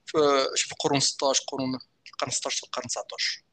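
A man's voice: medium pitch, little pitch movement, racing, sharp tone. A man with a Moroccan accent co-hosting a casual chat, rambling and often restarting his sentences. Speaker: podcast co-host. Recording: faint background noise.

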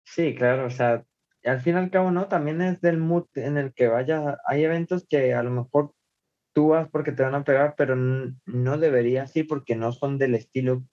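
Laid-back man with a dark, dull-sounding voice. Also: medium pitch, normal speed. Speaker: guest singer. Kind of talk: casual podcast chat.

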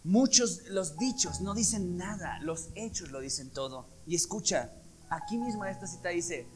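Emphatic preacher, high voice. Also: male voice, animated, moderate pace. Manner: emphatic, acts out dialogues, swings between loud and hushed. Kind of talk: sermon. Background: soft guitar music.

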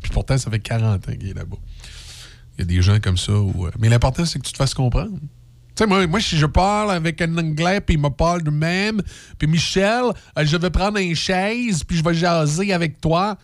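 A man's voice: on the high side, normal speed, dry recording. A middle-aged man with a Québécois French accent, hosting a radio show with joking, opinionated commentary. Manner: animated, joking, slips into mock English voices. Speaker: radio host.

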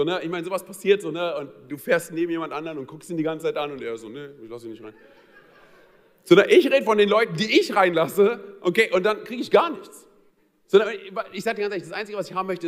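A man preaching a sermon to his church congregation, talking straight to the listeners in a conversational, humorous storytelling way with plenty of fillers. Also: high voice. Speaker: pastor. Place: church service. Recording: long reverb of a large hall.

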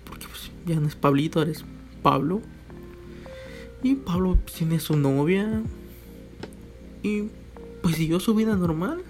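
A man's voice: on the high side, slow, pauses often, darkish tone, soft background music. A young man with a Mexican Spanish accent, talking casually in a joking monologue with quoted voices. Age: young adult.

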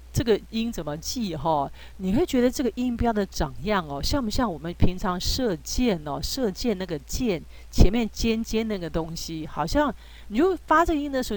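A woman teaching English phonics in a relaxed, patient way, with many drawn-out fillers and reassuring asides. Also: mid-range voice. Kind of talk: relaxed spoken lesson.

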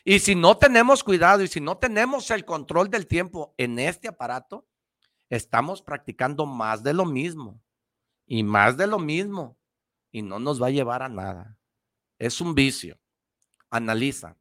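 A man who is a parent hosts a motivational radio talk in a bright, forceful voice whose pitch rises and falls with lively intonation. He speaks slowly and preachily, repeating phrases and addressing the listener directly, in a close, dry recording with no echo.

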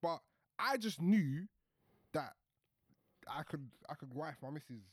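A young man with a London roadman accent talks in a high, swooping voice. He rattles through casual group banter with emphatic slang, recorded close and dry. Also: animated, takes it slowly, breathy edge, no echo. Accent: London, urban street slang.

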